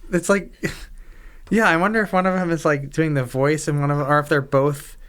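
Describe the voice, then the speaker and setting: A man's voice: a little high, fairly even intonation, normal speed, fairly bright tone, clear, resonant tone. A man hosting a casual podcast chat, joking and riffing on words. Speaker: podcast host.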